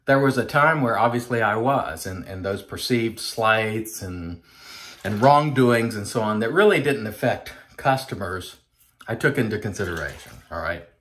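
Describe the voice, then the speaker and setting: His voice is on the low side and a bit bright, expressive, at a moderate pace. He's a man in his forties hosting a shaving channel, chatting earnestly and casually to the camera and addressing viewers as folks as he lathers and shaves in his small home bathroom.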